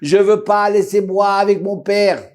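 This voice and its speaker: A man playing a grieving young man who shouts and refuses to see his father. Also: medium pitch, animated, moderate pace, vocal fry. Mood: furious refusal. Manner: shouting, pleading.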